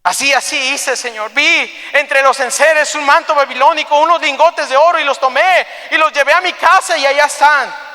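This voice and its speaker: A man's voice: very high voice, normal speed, big-room sound, pitched above the performer's own voice. A man playing a guilty man confessing. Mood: ashamed. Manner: shouted confession.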